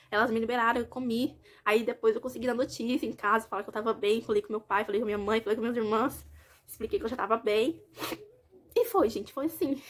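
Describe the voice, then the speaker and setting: Young woman, from Brazil, vlogger, chatty storytelling, fairly high voice, rapid pace. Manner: chatty, speaks straight to viewers. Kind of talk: casual personal story to camera.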